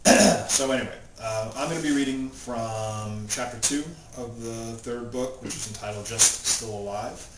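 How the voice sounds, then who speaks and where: The recording, roomy and distant with loud background noise, features a male author speaking informally and reading his novel in his own plain voice, no character voices. His mid-range voice holds a steady tone at normal speed.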